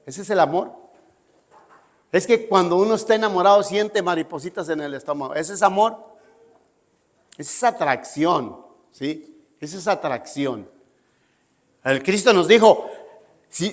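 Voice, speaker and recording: A man preaching a sermon in an emphatic style, often checking in with the congregation. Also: high voice. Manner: emphatic, asks listeners "¿sí?" often. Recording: long hall reverb.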